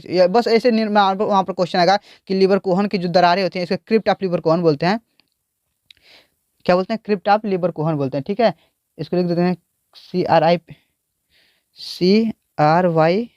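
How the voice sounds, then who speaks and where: A man's voice: sits high, darkish tone, clear, resonant tone, no echo, clean studio sound. A man teaching biology, explaining a diagram and repeatedly asking the class questions.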